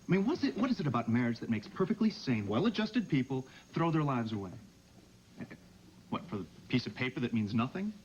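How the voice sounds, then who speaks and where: A man's voice: medium pitch, big pitch swings, a little fast, lightly acted. An actor playing a cocky young male kidnapper in a 1990 TV soap, talking in a mocking, sarcastic way, on dull lo-fi TV audio with faint hiss. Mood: smug.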